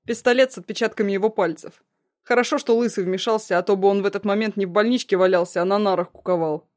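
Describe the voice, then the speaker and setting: A woman voicing a cruel young man, a blackmailing ex-fiancé, in a loud, mocking, threatening way. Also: mid-range voice, fairly even intonation, fast, natural voice. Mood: menacing.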